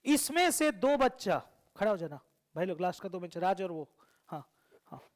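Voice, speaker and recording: High-voiced man teaching a class. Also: big pitch swings, moderate pace. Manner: teasing, asks the class repeated questions. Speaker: coaching teacher. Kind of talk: classroom math lesson. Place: classroom with students.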